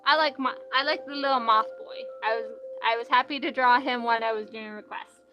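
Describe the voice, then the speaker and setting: A woman's voice: fairly high pitch, steady tone, brisk, muffled recording, music in the background. A young woman streaming and reading out live chat in a casual, rambling way, full of "like" fillers.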